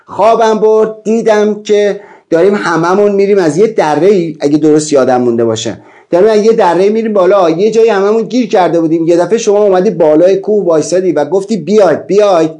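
Man, self-help teacher, higher-leaning voice, animated lecturing, lists and repeats, restarts words. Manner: animated, wide swings in pitch. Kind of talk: lecture to an online class.

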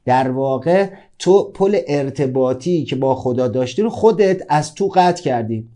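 Mellow-voiced man giving a motivational talk. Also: medium pitch, lively intonation. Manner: conversational, addresses listeners directly. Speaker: self-help course teacher.

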